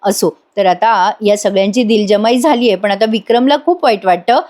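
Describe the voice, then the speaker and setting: A woman's voice: mid-range voice, normal speed, a little mellow. A woman narrating a casual episode recap of a TV serial, chatty and speaking directly to her viewers. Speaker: TV serial reviewer.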